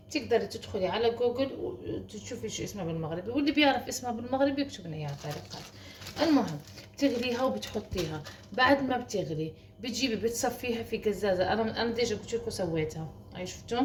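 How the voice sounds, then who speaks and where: Chatty fast-talking woman from Morocco, echoey kitchen. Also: mid-range voice, darkish tone, a little hiss or hum. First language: Moroccan Arabic. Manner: chatty, repeats words, coaxing viewers with endearments. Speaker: home recipe vlogger. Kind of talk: casual chatty home tutorial. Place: home kitchen. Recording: roomy echo, voice heard from a distance.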